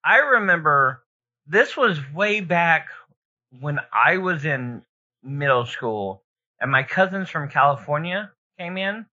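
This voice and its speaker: A man's voice: fairly high pitch, expressive, slow pace, sharp tone. A man hosting a podcast in a casual, conversational style. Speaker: podcast host. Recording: slightly dull, lo-fi podcast sound.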